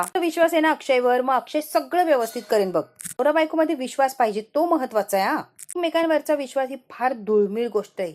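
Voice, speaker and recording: A woman's voice: fairly high pitch, a little mellow, lightly acted. A woman voicing an older father-in-law who speaks in a fatherly, soothing way, in a retold TV serial. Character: older man, father-in-law, warm and reassuring.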